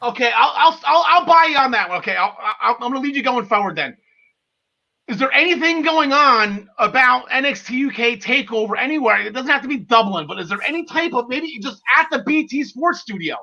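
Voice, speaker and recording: A man with a very high, bright voice hosts a casual sports podcast. He rambles along enthusiastically in slangy everyday speech. The audio is dull and lo-fi. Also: expressive, brisk, vocal fry. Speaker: podcast host. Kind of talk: casual wrestling podcast discussion.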